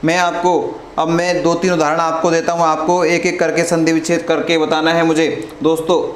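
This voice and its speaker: A man teaching a live online grammar lesson, asking questions and answering them himself, calling his students "friends" and clearing his throat often. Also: on the high side, monotone, normal speed. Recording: echoey room with faint noise.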